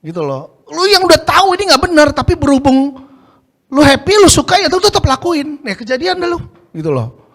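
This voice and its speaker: A man's voice: extremely high pitch, huge pitch swings, fairly quick, fairly bright tone. A male pastor preaching a casual slang sermon, asking the congregation rhetorical questions.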